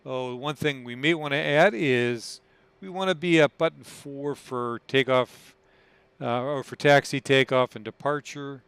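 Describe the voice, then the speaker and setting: Male flight sim lead, crisp clear tone, casually talking through his actions live and informally. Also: mid-range voice, a little slow, a bit bright, no echo, low-quality recording. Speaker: flight leader in a flight simulator. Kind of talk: casual live commentary while flying.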